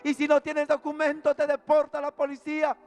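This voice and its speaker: High-voiced man preaching fervently. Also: monotone, a little fast, darkish tone. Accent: Peruvian Spanish. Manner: fervent, emotional preaching with repeated phrases. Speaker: preacher giving a testimony. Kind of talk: testimony sermon. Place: church service.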